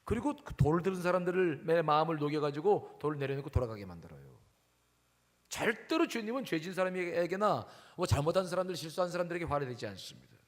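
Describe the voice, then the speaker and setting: A male pastor preaching a sermon emphatically, questioning the congregation and moving between loud and hushed delivery. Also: fairly high pitch, very animated, fast. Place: church sanctuary. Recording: long hall reverb.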